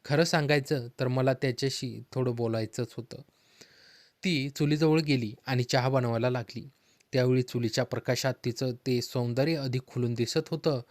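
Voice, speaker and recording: Calm and steady, a man at middle pitch narrates a heartfelt story of his own in the first person. The sound is close and dry, with no room sound at all.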